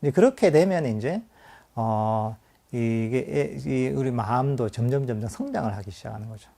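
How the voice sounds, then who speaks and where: A man's voice: medium pitch, normal speed, gravelly, dark tone. A male Buddhist monk giving a conversational meditation lecture, full of fillers and restarts. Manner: conversational teaching with acted inner-voice quotes and light laughter.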